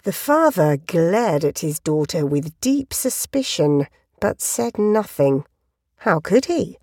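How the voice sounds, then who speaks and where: A woman narrating a children's storybook aloud, expressive, slowing down for emphasis. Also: husky, no echo, studio quality. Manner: expressive, sweeping pitch with slowed emphasis.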